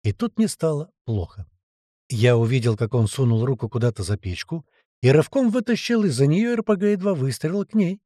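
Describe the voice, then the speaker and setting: A man narrating an audiobook in the first person, in an expressive, colloquial storytelling manner. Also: mid-range voice, a little fast, dry recording, studio quality.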